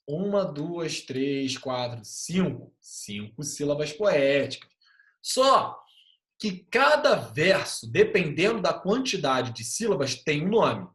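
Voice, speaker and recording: A man teaching an online class in a lively way, often checking in with quick tag questions. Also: on the high side, echoey room.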